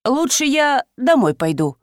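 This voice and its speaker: A woman's voice: high-pitched, very animated, measured pace, no echo, studio quality, voice pushed up. A woman doing a grumbling cowardly old husband. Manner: grumbling, whining.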